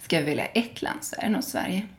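A woman from Sweden answering interview questions in a relaxed, rambling way, full of small fillers. Her voice sits on the low side and has a gravelly, fry-laden edge. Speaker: interview guest. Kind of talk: casual interview conversation.

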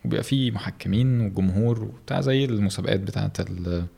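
A man with an Egyptian Arabic accent talks quickly as a podcast guest. His voice is low and creaky, and he speaks in a casual, conversational storytelling way. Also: mellow. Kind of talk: casual interview chat, telling stories.

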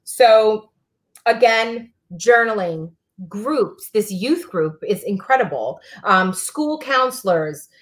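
A woman co-hosting a casual talk show, calmly explaining advice for teens like a counselor. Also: mid-range voice, slow. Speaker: podcast co-host giving advice to teens.

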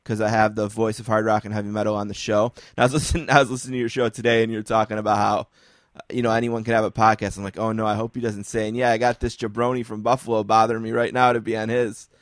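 Fairly low-pitched and level in tone, a man hosts a podcast in a clean studio recording with no room sound. He keeps the conversation casual, self-deprecating and dotted with fast asides.

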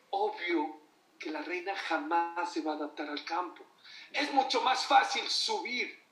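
Religious teacher, high voice, animated storyteller; echoey room, far from the mic. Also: male voice. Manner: animated storytelling, asks the audience questions. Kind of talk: sermon.

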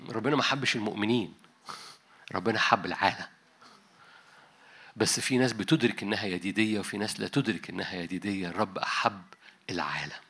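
A man's voice: on the low side, fast, pauses often, pushed and bright, slightly rough. A man preaching a sermon in an Egyptian Arabic accent, talking conversationally and dropping in English words. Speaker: pastor. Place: large conference hall.

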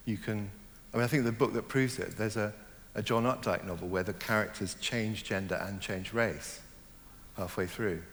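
A man's voice: lowish voice, moderate pace, a bit bright, in a large hall, a little hiss or hum. Thoughtful, hesitant middle-aged man novelist. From born in Germany, raised in Hong Kong. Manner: thoughtful, hesitant, many fillers and restarts. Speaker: novelist, interview guest. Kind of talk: reflective interview conversation.

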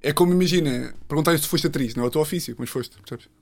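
A man's voice: fairly high pitch, gravelly. A man running a casual guessing game, teasing and rambling. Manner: joking, teasing, fast and rambling.

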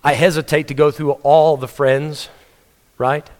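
A man's voice: fairly high pitch, flat delivery, a little slow. A man preaching a sermon, telling stories and putting questions to the congregation. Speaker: pastor. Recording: reverberant church hall.

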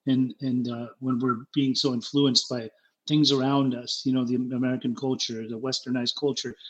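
A middle-aged man, born in Germany and raised in Utah, tells his own story as an interview guest in a mid-range voice, captured on a muffled recording. He's candid and halting, repeating words often and becoming animated as he retells scenes.

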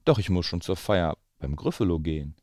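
A man voicing a clever little mouse in a rhyming children's story, reciting brightly. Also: deep voice, lively intonation, fairly quick, no room sound, studio quality. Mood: confident.

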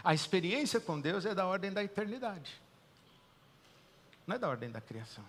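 A Brazilian pastor preaching in a sermon, his voice bright and forceful and pitched a little high for a man. He swings from loud, emphatic declarations to quiet, hushed pauses. His words ring out with a long church-hall reverb. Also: big pitch swings, slight background noise. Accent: Brazilian Portuguese.

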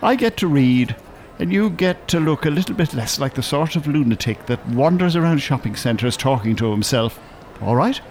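In a naturalistic radio drama, an actor plays an irritable, bookish older man who stays polite and articulate while being drily sarcastic and clearly exasperated. His animated voice sits on the high side, a little mellow, at a normal pace. Shopping centre ambience adds a faint urban hum behind him.

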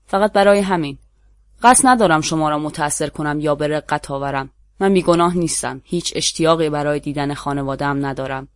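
A narrator with a Persian accent giving a measured, dramatic reading of a literary short story. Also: medium pitch, no room sound, studio quality.

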